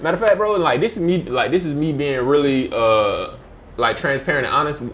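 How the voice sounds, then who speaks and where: A young man from Georgia talking fast and slurring his words as a podcast guest, with many fillers. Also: fairly high pitch, fairly bright tone, slight background noise. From Georgia, USA. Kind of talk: casual podcast chat.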